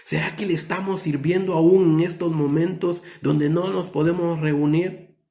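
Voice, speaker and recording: A man from Guatemala, preaching an earnest sermon full of rhetorical questions, his pace swinging from quick to drawn-out. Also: a little high, a little mellow.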